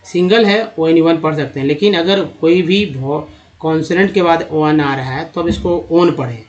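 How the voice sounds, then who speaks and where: A man's voice: a little high, normal speed. A man teaching how to read English, spelling out letters and sounding out words, and calling his viewers friends. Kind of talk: spoken phonics lesson. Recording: dull lo-fi voice recording.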